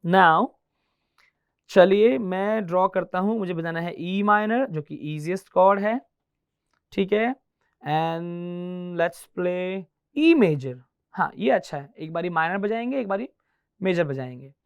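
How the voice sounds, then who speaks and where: A man's voice: high-pitched, animated, takes it slowly, vocal fry, clear, resonant tone, highs cut off. A male guitar teacher giving a classroom lesson, counting beats aloud and mixing Hindi with English. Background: faint guitar playing.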